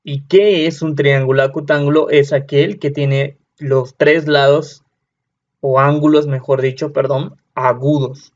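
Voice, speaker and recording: A man's voice: fairly high pitch, steady tone, unhurried. A man, teaching a math lesson patiently, often repeating and correcting himself. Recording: dull lo-fi sound.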